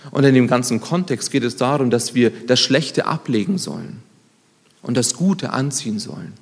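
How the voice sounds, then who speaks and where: A man in his thirties preaching a sermon, lively and conversational, swinging between loud emphatic lines and quiet, low asides. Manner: conversational, self-deprecating asides. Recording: long hall reverb.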